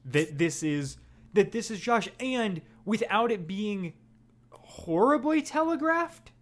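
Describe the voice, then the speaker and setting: A young man co-hosting a casual podcast, animated and quick to laugh, slipping into playful quoted voices as he talks through an episode. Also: high voice. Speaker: podcast co-host. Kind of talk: casual chat reviewing an audio drama episode.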